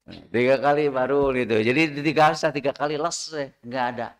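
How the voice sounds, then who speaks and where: A man's voice: medium pitch, fast talker. A middle-aged man with a Sundanese accent giving a religious study talk, telling chatty anecdotes and slipping between Indonesian and Sundanese. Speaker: Islamic lecturer.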